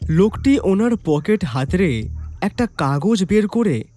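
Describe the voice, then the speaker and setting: A man narrates a detective story in the first person, in a mellow, rather high voice. His delivery is lively and full of rising and falling pitch. Soft music plays underneath. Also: a little slow, a little hiss or hum.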